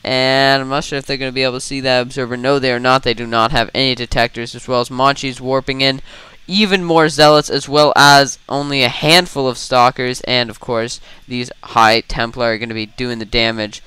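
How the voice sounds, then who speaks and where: A young man giving fast, rambling solo play-by-play commentary on a strategy game, with self-mocking asides. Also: medium pitch, level tone, sharp tone, smooth, no echo. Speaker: esports caster.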